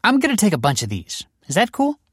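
A man's voice: sits high, wildly swooping pitch, quick pace, a bit bright, husky, dry recording, clean studio sound, voice pushed up, heavily acted. A male audiobook narrator voicing a breezy, mocking female police detective who needles people with sarcastic politeness. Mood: playful. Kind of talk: audiobook character voice.

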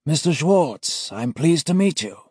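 A man voicing a kindly-looking older male senior auditor who is formal, courteous and quietly menacing. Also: fairly high pitch, sing-song, unhurried, husky, no room sound, studio quality, voice pushed up, full character voice. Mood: politely menacing.

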